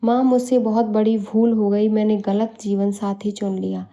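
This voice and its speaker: A woman's voice: medium pitch, little pitch movement, normal speed, mellow, dull audio, lightly acted. A woman voicing an unhappy young married daughter who speaks hesitantly, for a storybook. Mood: troubled. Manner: hesitant, denying then pouring out.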